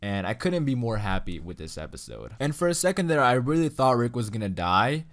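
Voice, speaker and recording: A man's voice: mid-range voice, sing-song, brisk. A young man giving a casual, enthusiastic ranking commentary, full of "you know" and "like.". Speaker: YouTube reviewer.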